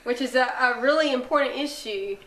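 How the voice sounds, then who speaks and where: A woman with a fairly high voice and a Southern American accent chats casually as a co-host. She is plain-spoken and folksy. The room around her adds clear echo. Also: a little fast, fairly bright tone, slight background noise. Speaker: talk show co-host. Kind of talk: casual chat. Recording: roomy echo.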